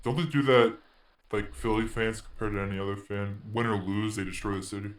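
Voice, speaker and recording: A man co-hosting a casual podcast chat, laid-back and quick to laugh, a little defensive. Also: fairly low pitch, fairly even intonation, roomy sound. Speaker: podcast co-host.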